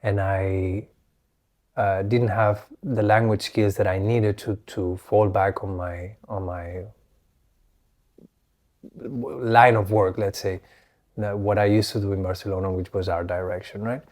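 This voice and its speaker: Reflective man, low dark voice. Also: fairly even intonation, measured pace. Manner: reflective, rambling with many restarts. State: recovering voice, slightly hoarse. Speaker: podcast host. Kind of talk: solo podcast monologue.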